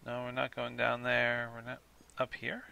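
A tired let's play host chatting casually over gameplay, self-mocking and thinking aloud. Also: male voice, mid-range voice, completely flat delivery, moderate pace, vocal fry, sharp tone, clean tone.

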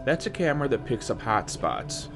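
A man's voice: medium pitch, big pitch swings, normal speed, music in the background. A man narrating a documentary in a conversational storytelling style.

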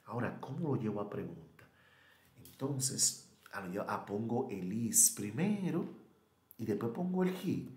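A man's voice: fairly low pitch, big pitch swings, measured pace, darkish tone. A man giving a recorded online English lesson, thinking aloud, correcting himself and modeling question intonation. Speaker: English teacher. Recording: echoey room.

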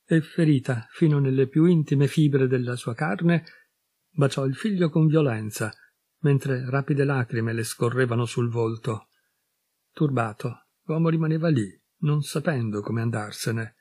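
A man with an Italian accent reading a literary short story aloud in a measured, expressive storytelling manner. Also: mid-range voice, breathy edge, dry recording, studio quality. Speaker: audiobook reader. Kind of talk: scripted literary narration.

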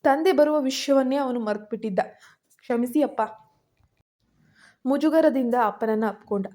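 A woman storyteller narrating a story in a steady, even reading. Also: high-pitched, brisk.

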